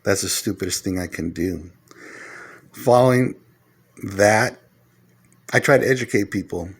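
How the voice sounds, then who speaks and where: A middle-aged man with a fairly low voice talks straight to his viewers in a lecturing, earnest way, counting off his points. When he relives a quarrel he turns loud and heated. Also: unhurried, husky. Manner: grows loud and heated when retelling arguments. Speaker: vlogger giving life advice. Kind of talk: casual monologue to camera.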